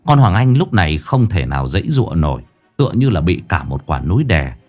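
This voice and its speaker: Man, low pitch, very animated intonation, ghost-story narration. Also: fairly quick, faint music behind. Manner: expressive, dramatic reading.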